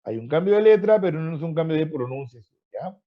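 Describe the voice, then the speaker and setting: A man's voice: on the high side, animated, fairly quick. Man teaching over a muffled video call. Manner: explanatory, checks in with frequent "¿ya?" and "¿no?"; repeats words while searching. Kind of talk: online pre-university grammar class. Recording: dull lo-fi video call audio.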